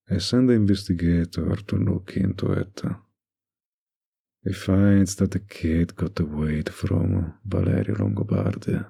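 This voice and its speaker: In this intimate ASMR roleplay, a male voice actor takes on the part of a smug, domineering mafia boss. He speaks low and mellow, husky and gravelly, stretching his words into a slow, suggestive drawl with an exaggerated flair.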